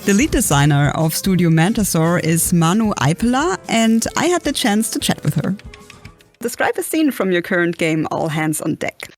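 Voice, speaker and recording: An upbeat woman hosts a podcast, her pitch swinging lively up and down as she asks questions. Faint music plays softly behind her voice. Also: moderate pace. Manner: upbeat, laughs easily. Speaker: podcast host. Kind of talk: interviewing and scripted narration.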